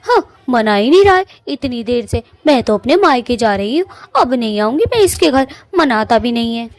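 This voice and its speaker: A sulky cartoon witch wife, as a woman voices her, scolding in a fairly high voice. She sounds huffy and quarrelsome. The recording is dry and close. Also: big pitch swings, normal speed, no room sound. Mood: petulant. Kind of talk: cartoon voice acting.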